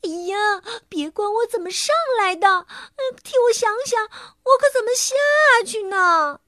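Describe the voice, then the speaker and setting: A woman's voice: measured pace, no room sound, studio quality. A woman voicing a playful young male elephant who wails and calls out for help in a storybook reading. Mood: wailing. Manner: wailing, calling out high and loud.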